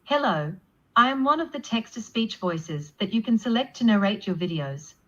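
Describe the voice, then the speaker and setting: A woman's synthetic text-to-speech voice played back from a computer, reading a sample line in an even, scripted delivery. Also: a little high, normal speed. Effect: synthetic text-to-speech voice played back through a computer. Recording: dull lo-fi playback.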